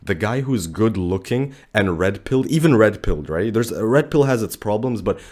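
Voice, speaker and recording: A young male YouTuber who comments on dating talks fast to camera, blunt, animated, and slangy, saying "bro" constantly. He's sick, which leaves his voice lower and deeper than usual.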